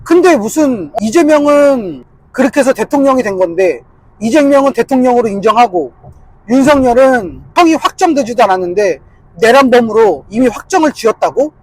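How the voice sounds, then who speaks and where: Man, political commentator, husky voice, high and lively pitch, insistent, argumentative, casual monologue. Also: normal speed, no room sound, poor audio. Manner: argumentative, insistent, repeats points.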